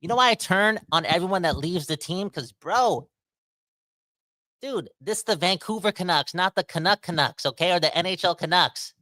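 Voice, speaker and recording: This bright, rambling Canadian in his thirties runs a casual livestream rant, working through the live chat comments as a podcast host. His pitch sits high, his pace is moderate, and the recording is dry. Slangy and animated, he addresses listeners directly.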